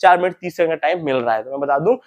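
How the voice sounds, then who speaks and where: Casting note: young male host, high voice, quick and chatty, keeps repeating key points to his viewers. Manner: addresses viewers as friends and brothers. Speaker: recruitment info channel host. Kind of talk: informal advice talk to viewers.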